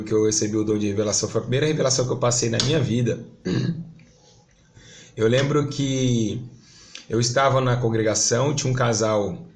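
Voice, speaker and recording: Pastor from Brazil, a man with a gravelly edge, earnest testimony that swells into fervent outbursts. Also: mid-range voice. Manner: earnest, storytelling, rising to fervent emphasis. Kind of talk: testimony to a church audience.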